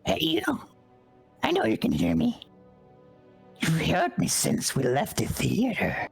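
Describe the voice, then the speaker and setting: A man voicing a pushy, sneaky little voice in someone's head for a tabletop game, raspy and bossy. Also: fairly high pitch, wildly swooping pitch, slow pace, faint music behind, heavily acted. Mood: sly, coaxing. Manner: bossy, streetwise, conspiratorial. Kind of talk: tabletop role-play character voice.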